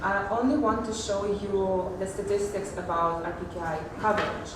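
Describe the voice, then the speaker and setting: A woman giving a technical conference presentation, pausing often with fillers and restarts. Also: mid-range voice, steady tone, noisy background. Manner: hesitant, many fillers and restarts. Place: large echoey conference hall. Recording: echoey hall audio from far off.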